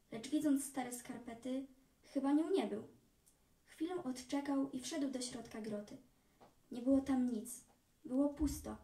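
A woman reading her own story aloud at an awards ceremony, in careful, measured storytelling. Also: sits high, mellow. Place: echoey hall at an awards ceremony. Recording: echoey hall from far off.

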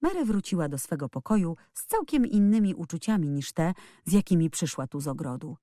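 Audiobook narrator, woman, lively swinging delivery, lowish voice, dry close studio sound. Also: a little fast, dry recording. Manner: expressive, lively storytelling. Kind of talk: scripted narration.

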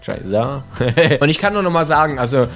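A man talking casually over his gameplay as a gaming YouTuber, his voice hoarse and strained, excitable and slangy. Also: a little high, normal speed, soft background music.

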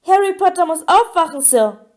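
A woman voicing a small, eager male house-elf who squeaks and talks about himself in the third person. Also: expressive, normal speed. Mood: urgent.

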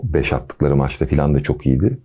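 A man hosting a football podcast, talking casually with a relaxed, chatty manner and jokey asides. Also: extremely low pitch, a little fast, husky, dull audio.

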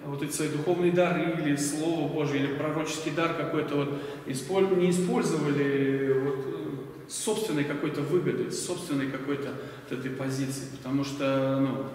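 A slightly high, darkish male voice with fairly even intonation moves a little fast over slight background noise. He's a man in his forties giving a conversational sermon at a lectern, full of fillers and questions to the audience, in a bright church hall with large windows. Filmed from afar with a lectern stand mic, the sound is echoey and far off.

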